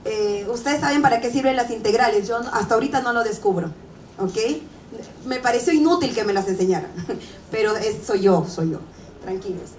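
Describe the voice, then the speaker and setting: A woman's voice: fairly high pitch, expressive, moderate pace, darkish tone, slight background noise. A woman in her thirties gives a conversational motivational talk to university students, full of rhetorical questions and jokes. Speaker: motivational speaker. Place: large hall or auditorium. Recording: echoey hall, mic far off.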